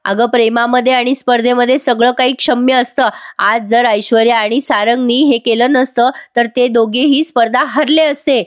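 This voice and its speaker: A woman voicing a bossy older grandmother who shouts and dismisses her daughter-in-law. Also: a little high, steady tone, moderate pace, hardly any pauses, no room sound, studio quality, lightly acted. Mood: scolding.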